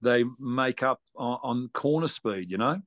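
A man's voice: medium pitch, lively intonation, measured pace, fairly bright tone, no echo, studio quality. An Australian man chatting casually as a racing driver being interviewed, blunt and joking, with plenty of slang. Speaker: racing driver, podcast guest.

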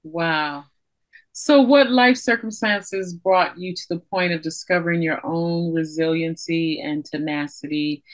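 A woman's voice: on the low side, measured pace. A woman hosting an interview podcast, reading a scripted intro and then asking encouraging questions. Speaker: podcast host.

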